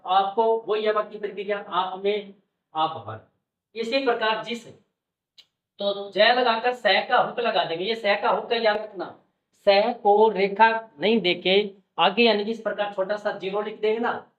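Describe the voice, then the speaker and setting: A man teaching stenography shorthand, explaining step by step and patiently repeating his checks with the learner. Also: sits high. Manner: patient, repeats "okay" and "look carefully" often. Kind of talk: classroom-style explanation. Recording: echoey, distant, dull sound.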